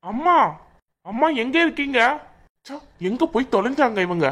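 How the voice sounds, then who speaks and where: A woman's voice: mid-range voice, fairly quick, lightly acted. A woman voicing an angry young married man in a cartoon, demanding answers from his mother. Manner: shouting, demanding. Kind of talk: cartoon voice acting.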